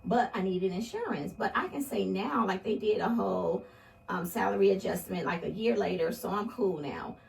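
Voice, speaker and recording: A woman's voice: medium pitch, normal speed, vocal fry, darkish tone, a little hiss or hum. A woman in her forties or fifties hosting a candid, casual chat, swearing freely and laughing often. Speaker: podcast host. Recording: roomy, mic at a distance, others chatting.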